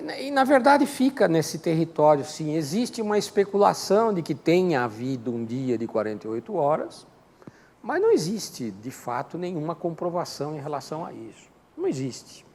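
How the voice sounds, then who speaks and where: An older Brazilian-accented man with a warm, somewhat high voice leads an informal Bible class as a Sunday school teacher. His style is didactic, and he frequently asks questions only to answer them himself. A long hall reverb hangs over the recording.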